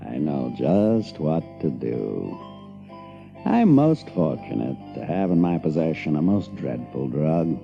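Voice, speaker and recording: A villainous pirate captain, with a low, gravelly voice. He is sly and gloating, savoring every menacing phrase in grand storybook-drama fashion. The audio is slightly dull. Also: sing-song, slow pace, faint music behind, heavily acted.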